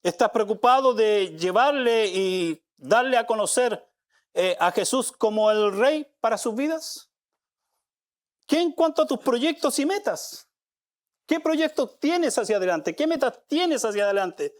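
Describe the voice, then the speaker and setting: A male pastor giving a live Sunday sermon in a church, pressing his listeners with repeated rhetorical questions and swinging between soft, low passages and louder, raised ones. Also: animated, unhurried. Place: church sanctuary.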